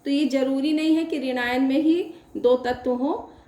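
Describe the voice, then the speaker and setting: Slow-paced woman teaching chemistry. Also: high voice, fairly even intonation, warm tone, reverberant. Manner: slow, questioning, answers her own questions. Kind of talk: classroom lecture at a board.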